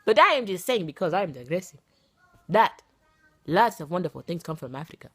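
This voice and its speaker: A woman from the United States in her thirties chats casually to camera. Her voice is husky and lowish, with lively swings of pitch. She talks in a playful, dramatic way. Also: fairly quick, no echo. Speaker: vlogger. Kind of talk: casual vlog chat.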